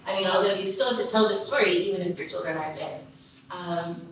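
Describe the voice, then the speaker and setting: A woman's voice: on the low side, fast talker. A woman speaker giving a chatty, enthusiastic personal talk to teachers, full of "like" and "you know". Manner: enthusiastic, chatty, many fillers. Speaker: religious leader speaker. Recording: very echoey room from far off, faint noise.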